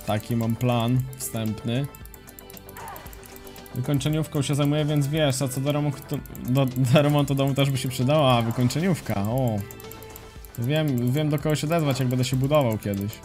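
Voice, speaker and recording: A man streaming a game, commentating casually and chatting with viewers in a relaxed, slangy way. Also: mid-range voice, moderate pace. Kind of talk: casual live commentary while playing and reading chat. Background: faint music and keyboard typing.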